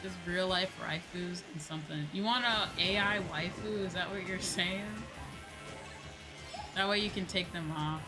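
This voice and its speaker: Casually chatting on stream as she games, a female VTuber host swears freely and voices emphatic opinions while video game music plays. Her pitch is fairly low, her pace moderate, and the recording low-quality.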